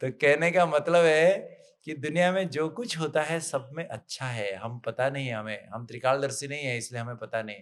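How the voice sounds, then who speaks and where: A middle-aged man giving a motivational spiritual talk, telling a parable and acting out the characters in lively, excited bursts. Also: medium pitch, moderate pace.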